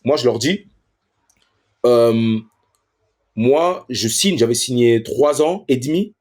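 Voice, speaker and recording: A man's voice: medium pitch, expressive, takes it slowly, darkish tone. A professional footballer, a man, telling a story as an interview guest in slangy street French and acting out other people in raised voices.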